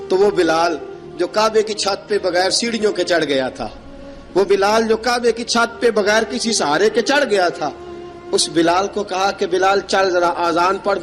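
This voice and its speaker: A man preaching a sermon, telling a story dramatically and rising to an emotional pitch when he quotes speech.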